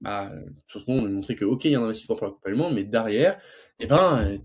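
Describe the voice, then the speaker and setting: A man's voice: fairly low pitch, expressive, quick pace, slightly rough. A young man coaching sales closing in a casual talk, stuttering and restarting often, and acting out both sides of a sales call. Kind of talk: casual teaching monologue.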